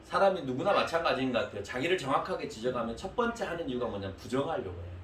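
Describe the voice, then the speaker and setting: Animated pastor in an echoey church. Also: male voice, medium pitch, rapid-fire, a little hiss or hum. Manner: animated, addresses the congregation directly with questions. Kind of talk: sermon. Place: church hall. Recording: echoey hall, mic at a distance.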